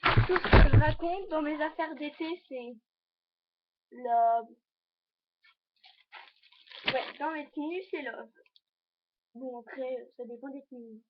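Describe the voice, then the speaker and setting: A woman's voice: high voice, slow, pauses often. A teenage girl chatting in a casual fashion vlog, rambling and hesitant as she shows items to her viewers. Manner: talks to the viewers while showing items. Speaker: vlogger. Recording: dull lo-fi home video recording.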